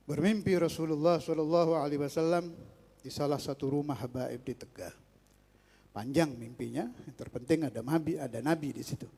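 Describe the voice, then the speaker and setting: A man preaching a religious sermon, moving from quiet teaching to loud, fervent exhortation. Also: mid-range voice, breathy edge, long reverb tail.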